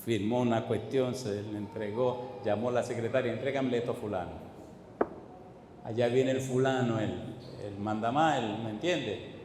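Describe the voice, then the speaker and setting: Fervent Dominican preacher in an echoing hall. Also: male voice, medium pitch, steady tone, moderate pace, background noise. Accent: Dominican Spanish. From Dominican Republic. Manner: fires repeated rhetorical questions at the congregation. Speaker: pastor. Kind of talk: sermon. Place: church. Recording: reverberant church hall, faint ambience.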